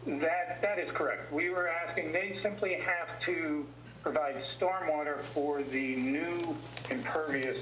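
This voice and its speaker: A man calling in to a town board meeting to give a formal public comment, heard over a speakerphone in the meeting room, measured and polite as he lays out his requests point by point. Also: a little high, a bit bright. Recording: echoey speakerphone with background noise.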